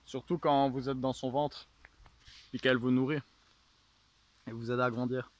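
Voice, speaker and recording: Man with mid-pitched voice guiding meditation. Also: steady tone, normal speed, no echo. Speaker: meditation and tantra instructor. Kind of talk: guided meditation and informal instruction.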